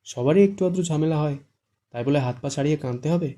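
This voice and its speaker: A man's voice: on the high side, fast, mellow, lightly acted. A man voicing a teasing, chatty young female student friend in an audiobook. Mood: comforting.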